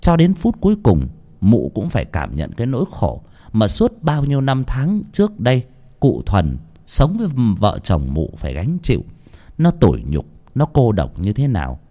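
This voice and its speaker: A man narrating a folk tale in an expressive way. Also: medium pitch, normal speed. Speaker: storyteller. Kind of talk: dramatic story narration.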